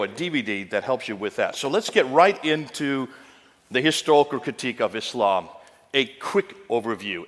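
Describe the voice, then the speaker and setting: A man's voice: medium pitch, a bit bright. A man giving an emphatic public lecture to a live audience, punching and repeating his key phrases. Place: large hall with an audience. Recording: long hall reverb.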